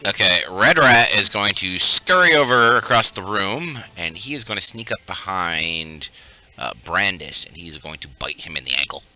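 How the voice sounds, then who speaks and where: A man's voice: low voice, animated, moderate pace, sharp tone, muffled recording. A man playing a tabletop game, casually narrating moves in a playfully dramatic way.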